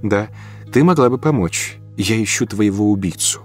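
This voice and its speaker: A man's voice: fairly low pitch, expressive, normal speed, faint music behind, lightly acted. A man voicing a blunt, weary woman who questions a ghost, in an audiobook reading. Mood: pressing. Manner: insistent, pushy questioning.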